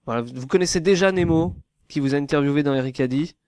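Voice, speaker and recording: A man's voice: a little high, quick pace, darkish tone, clear, resonant tone, no room sound. A man hosting a casual podcast interview, talking with many fillers and restarts. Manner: hesitant, lots of fillers and restarts. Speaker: podcast host.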